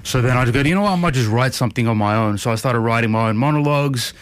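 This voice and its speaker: A man speaking as a filmmaker guest in a casual interview, relaxed and hesitant with many fillers. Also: medium pitch, fast. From Australia.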